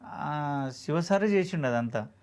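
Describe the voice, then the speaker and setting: A man's voice: a little high, animated, measured pace, a little mellow, smooth. A man with a Telangana Telugu accent, an actor guest telling his story in an earnest, heartfelt, plainspoken way. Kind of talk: emotional storytelling interview.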